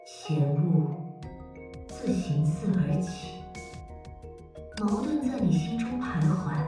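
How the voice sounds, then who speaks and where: A man's voice: high voice, heavy reverb, distant mic. An actor voicing an aloof, cryptic male hermit sage, his voice muffled through a closed door, speaking in a formal, pointed and probing way. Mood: solemn.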